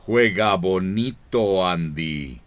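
A man's voice: deep voice, expressive, drawn-out words, highs cut off, pitched below the performer's own voice, heavily acted. A man voicing a friendly, caring toy cowboy sheriff from a cartoon, earnest and folksy. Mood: friendly, admonishing.

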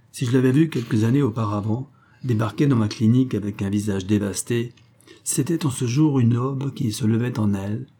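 Dark, husky male audiobook narrator. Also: medium pitch. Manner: measured, calm, reflective first-person reading.

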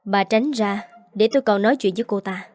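A woman reading the part of a caring young stepmother, gentle with a child and firm with adults. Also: mid-range voice, brisk, no room sound, close to an everyday voice.

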